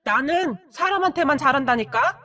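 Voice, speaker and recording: A woman's voice: high voice, animated, moderate pace, pushed and bright. A woman voicing an older mother-in-law who speaks curtly and scolds. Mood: stern. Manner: curt, scolding.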